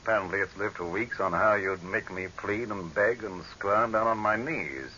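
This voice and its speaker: On a hissy, dull recording of a 1930s radio horror show, a proud dictator finds himself trapped and facing death. He speaks at a moderate pace in a low, forceful voice, calm and mocking, orating commandingly with contempt for his listeners.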